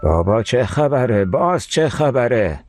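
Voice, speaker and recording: A man's voice: medium pitch, big pitch swings, a little mellow, natural voice. Man voicing a blunt man of the house. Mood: alarmed. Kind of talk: dubbed TV drama. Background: faint music.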